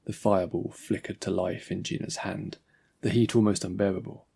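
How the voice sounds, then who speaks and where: A man reads his own audiobook story in a measured, even storytelling manner. His voice sits low and carries a gravelly, husky texture. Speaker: author and narrator. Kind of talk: scripted audiobook narration.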